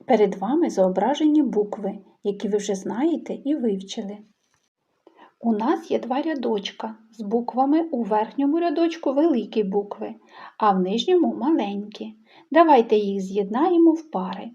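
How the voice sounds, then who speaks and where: Woman, teacher, children's phonics lesson, patient, singsong prompts, slightly high voice. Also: lively intonation, normal speed, mellow, slightly rough, lo-fi sound. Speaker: kindergarten teacher.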